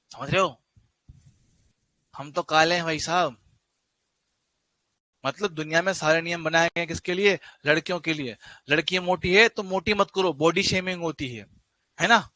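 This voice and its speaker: A man's voice: high voice, bright, forceful tone, dry recording. A man teaching a physics class, repeating key terms and breaking off into teasing jokes with his students. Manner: jokey, teasing asides to students; repeats key phrases for emphasis.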